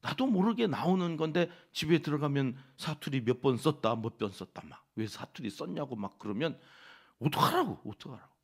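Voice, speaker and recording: A man preaching a dawn prayer sermon in a church, with a Chungcheong Korean accent, dropping from loud exhortation to hushed whispered asides. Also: on the high side, lively intonation, normal speed, hardly any pauses. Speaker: pastor. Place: church sanctuary.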